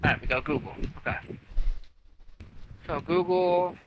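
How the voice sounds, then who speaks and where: A man's voice: high voice, unhurried, lo-fi sound, noisy background. A man chatting casually while working a console, muttering to himself as he goes. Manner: muttering to himself as he works through menus. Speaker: co-host of a show review. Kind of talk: casual chat while using a game console.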